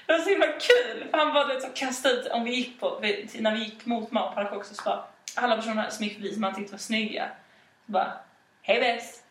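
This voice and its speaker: A woman's voice: fairly high pitch, a bit bright. A young woman chatting casually, telling stories animatedly, acting out quotes and laughing often. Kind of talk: casual chat. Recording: roomy echo.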